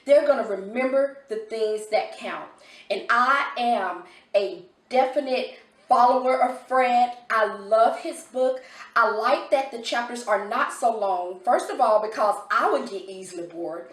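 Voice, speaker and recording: A woman reviewing a homeschool curriculum in a casual vlog, talking with excited enthusiasm. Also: fairly high pitch, unhurried, roomy sound, recorded from a distance.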